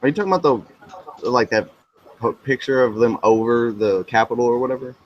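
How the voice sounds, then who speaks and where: A man calling in to a livestream chat, talking casually and haltingly through a choppy connection that keeps cutting out. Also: mid-range voice, steady tone. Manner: halting, full of "like" and "you know". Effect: choppy connection, audio cutting out. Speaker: caller on a livestream. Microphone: own mic on an online call. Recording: muffled lo-fi call audio with faint noise.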